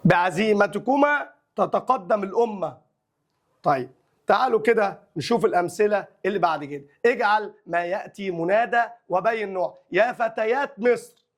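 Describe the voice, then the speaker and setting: A young adult man with an Egyptian accent teaching an Arabic grammar lesson. He drawls the example phrases slowly and then explains them briskly in colloquial speech. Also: sits high, animated.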